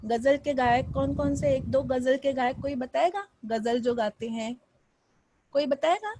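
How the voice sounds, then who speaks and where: A woman teaching a class, from Mumbai, speaking with lively rises and falls and often asking her students questions. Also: high voice, a little slow. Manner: expressive, rising and falling delivery with frequent questions to students. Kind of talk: classroom lesson.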